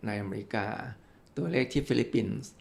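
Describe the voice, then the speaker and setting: Older man, very gravelly voice, quick-talking, physician guest, explains with examples. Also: medium pitch, animated, a little mellow. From Thailand. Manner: explains with worked examples, politely addresses listeners. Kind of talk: explanatory interview talk.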